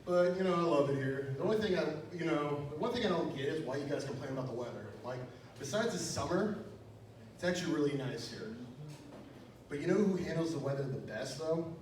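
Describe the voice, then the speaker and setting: His voice sits on the high side, animated and a little fast with a darkish tone, as the young Wisconsin man works through a stand-up set of crude, self-mocking jokes heavy on "you know." The setting is a small, echoey club stage. Recording comes from a distant mic with faint noise.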